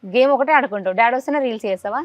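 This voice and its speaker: A woman runs a casual interview, coaxing a child with a stream of rapid questions. Her voice sits a little high and she talks briskly. The recording is dry and slightly dull, with a lo-fi edge. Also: no room sound.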